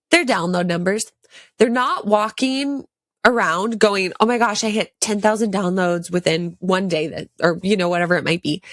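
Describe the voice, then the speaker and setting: A woman's voice: medium pitch, fairly bright tone, no echo. A woman in her thirties talks on her own podcast, her voice stuffed up and congested from a sinus infection. She sounds enthusiastic and repeats words for emphasis. The close mic gives a dry, roomless sound. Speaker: podcast host. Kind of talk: casual solo podcast talk.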